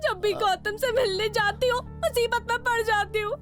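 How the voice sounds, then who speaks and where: A tearful young heroine who laments her bad luck. Her voice is very high. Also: lively intonation, normal speed, music in the background. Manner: tearful, self-pitying. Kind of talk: Hindi film dub.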